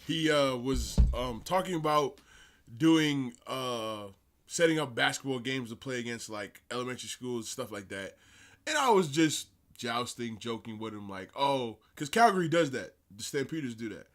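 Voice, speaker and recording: A young man, a pro football player, cohosting a casual podcast chat and telling stories in an animated way, with many fillers and frequent laughs. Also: mid-range voice, normal speed.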